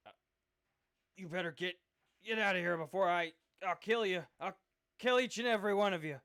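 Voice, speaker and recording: A man's voice: very animated, moderate pace, a bit bright, full character voice. A man voicing a groggy, hostile male elf held captive, groaning and threatening. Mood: groggy menace. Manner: groaning, threatening, shrill when hurt.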